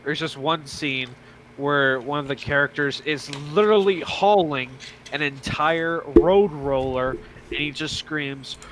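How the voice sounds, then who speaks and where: A man's voice: fairly high pitch, measured pace, background noise. A man in a casual chat who explains and corrects details in a knowledgeable way.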